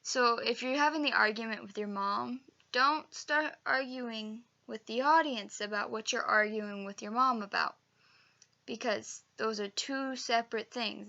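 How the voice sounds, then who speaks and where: A young woman giving a casual, chatty acting lesson, emphatic and quick to correct herself. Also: on the high side, gravelly, pushed and bright, muffled recording. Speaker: acting teacher. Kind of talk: casual instructional video.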